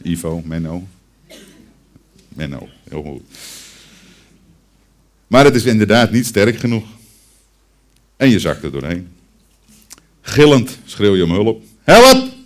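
Low-voiced pastor preaching. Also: male voice. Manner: addresses children and congregation directly, storytelling. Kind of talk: Christmas sermon.

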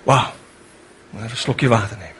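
A man's voice: mid-range voice, moderate pace, a bit bright, a little hiss or hum. A man preaching a sermon with fervent delivery, building to emphatic rhetorical questions.

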